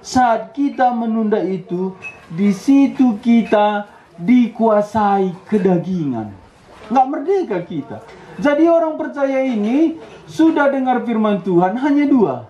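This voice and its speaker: A man's voice: very high-pitched, dark tone. A male preacher giving a camp sermon, telling stories and acting out short dialogues with lots of animation. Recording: roomy, slightly dull hall recording.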